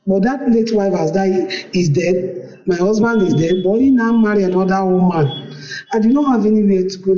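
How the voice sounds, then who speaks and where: A middle-aged Nigerian woman leaving a halting, pleading voice message, asking for help and repeating herself. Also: mid-range voice, warm tone. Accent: Nigerian English. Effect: played back voice note. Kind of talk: recorded voice message. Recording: dull echoey voice note recording.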